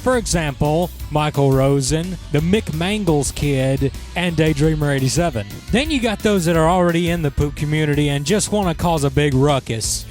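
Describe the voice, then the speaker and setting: A young man hosting a sarcastic commentary on a video, mocking and quick with asides. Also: a little high, a little mellow, faint music behind. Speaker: commentary host.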